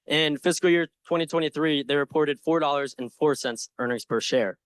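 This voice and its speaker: A young man confidently and earnestly giving a prepared investment pitch with slides, with some informal asides. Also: moderate pace, clean tone, dry recording. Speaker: presenter in a stock pitch competition.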